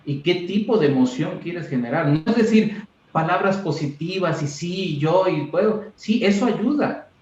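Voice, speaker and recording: A man talks as a mental coach in an interview, animated and acting out little scenes to make his point. His voice sits fairly high. The sound is roomy and dull, like a video call. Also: moderate pace, a little hiss or hum. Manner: animated, acts out examples in quoted voices. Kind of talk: explanatory interview talk.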